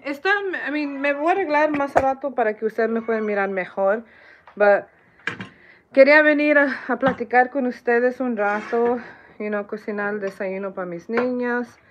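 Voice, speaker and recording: A woman's voice: fairly high pitch, normal speed, muffled recording, background noise. A woman hosting a casual live chat while cooking breakfast in her kitchen, chatty and self-deprecating, a little nervous, greeting viewers by name. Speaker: livestream host. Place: home kitchen. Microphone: phone on a tripod.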